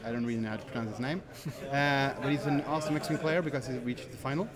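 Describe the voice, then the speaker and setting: A man leading live commentary of a tabletop game, brisk play-by-play and reading out fleet lists. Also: mid-range voice, steady tone. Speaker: lead commentator. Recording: crowd chatter of a tournament hall.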